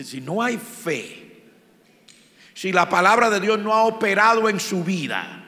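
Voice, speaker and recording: Impassioned Colombian pastor in a reverberant church. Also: male voice, a little high, bright, forceful tone. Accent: Colombian Spanish. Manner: impassioned preaching, emphatic repetition. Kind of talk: sermon. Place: church sanctuary.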